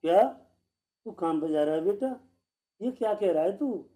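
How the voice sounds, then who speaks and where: एक आदमी जो बीमार बूढ़े गाँव के प्रधान पिता का किरदार निभा रहा है, देहाती हरियाणवी लहजे में प्यार भरी नरम बोली।. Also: male voice, high-pitched, lively intonation, a little slow, warm tone. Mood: fatherly. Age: older. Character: ailing old village headman father, caring. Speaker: ailing village headman, father. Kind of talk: rural comedy film acting.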